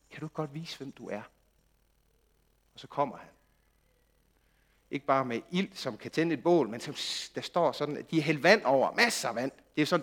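A man preaching a sermon, moving from quiet, intimate passages to loud, impassioned outbursts. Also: a little high. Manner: animated, swings from quiet intimacy to loud shouting.

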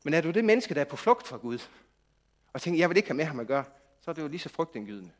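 A man preaching a sermon, moving from quiet, intimate passages to loud, impassioned outbursts. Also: on the high side. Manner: animated, swings from quiet intimacy to loud shouting.

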